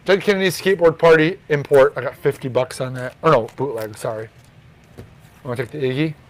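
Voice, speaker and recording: A relaxed man hosts a record shop's morning show. He talks through one record after another, naming prices in an easy, offhand way at a middling pitch. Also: brisk. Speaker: record store host. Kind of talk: casual show-and-tell.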